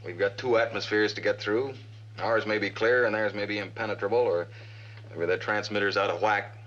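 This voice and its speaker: A man plays an easygoing American scientist in an old 1950s film, talking in a lowish voice with a relaxed, joking manner. The soundtrack is muffled and carries faint hiss. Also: fairly quick, natural voice.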